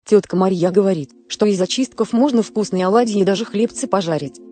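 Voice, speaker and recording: A woman's voice: medium pitch, brisk, dark tone, soft background music, close to an everyday voice. Whiny starving little village boy, resentful, a woman reading him. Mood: whining. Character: hungry, angry five-year-old village boy.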